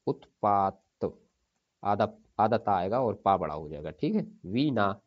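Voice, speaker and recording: A man teaching Hindi spelling for an exam, repeating each word slowly and checking in with his students. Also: fairly low pitch, very animated, dull audio.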